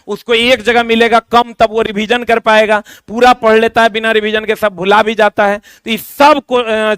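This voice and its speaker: A middle-aged male coaching teacher, talking informally and repetitively as he pitches a course to exam students. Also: fairly bright tone, clean tone, no room sound. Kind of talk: promotional explanation to exam students.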